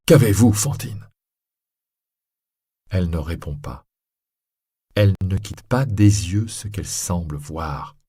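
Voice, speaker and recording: A man narrating a story for listeners in a slow, expressive way. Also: low voice, slightly rough, no room sound, clean studio sound.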